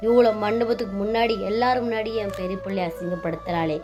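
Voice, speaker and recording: A woman's voice: medium pitch, quick pace, music in the background, lightly acted. A woman voicing a domineering middle-aged mother-in-law who scolds and wails melodramatically. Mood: scornful.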